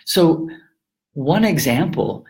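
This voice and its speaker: A man talks a home audience through laughter yoga, calm and explanatory in tone. He breaks into easy laughter again and again between his points. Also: a little high, takes it slowly. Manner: gentle, often breaks into laughter. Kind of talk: calm explanatory teaching to camera.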